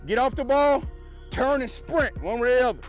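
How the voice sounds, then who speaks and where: A football coach at outdoor practice, wearing a body mic, joking with players and shouting energetic drill commands. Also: male voice, very high-pitched, fairly quick, faint music behind. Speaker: defensive line coach. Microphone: wireless body mic.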